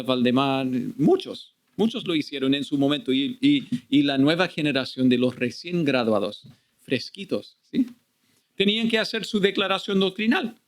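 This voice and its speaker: A male preacher delivers an expository sermon to his church. His voice sits high. He keeps turning to the congregation with rhetorical questions.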